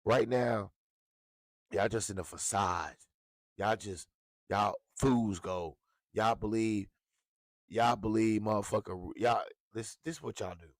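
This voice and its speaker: A man's voice: lowish voice, slow, long pauses, no echo. A man giving a blunt, profane, heated rant as a sports commentator. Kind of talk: ranting sports talk.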